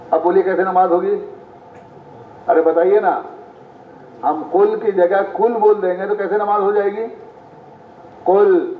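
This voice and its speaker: A male preacher from Bihar, India, giving a sermon who keeps asking his listeners questions and repeating each point. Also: high-pitched. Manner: quizzes the congregation with repeated questions. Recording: echoey, distant, tinny phone-like, faint noise.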